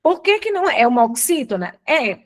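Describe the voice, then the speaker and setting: A woman's voice: high voice, big pitch swings, brisk. A woman teacher from Brazil giving a live online grammar lesson, asking questions and answering them herself. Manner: didactic, asks and answers her own questions.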